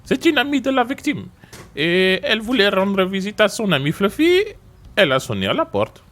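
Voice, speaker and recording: A man with a Marseille accent voicing an excitable, high-pitched male police chief for a game. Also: moderate pace, faint music behind. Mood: briefing. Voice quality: high and bright.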